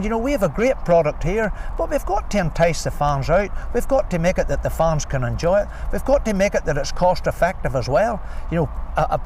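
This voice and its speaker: Higher-pitched, emphatic Northern Irish man. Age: older. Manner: emphatic, persuasive, repetitive. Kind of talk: unscripted sports interview. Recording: faint outdoor traffic noise.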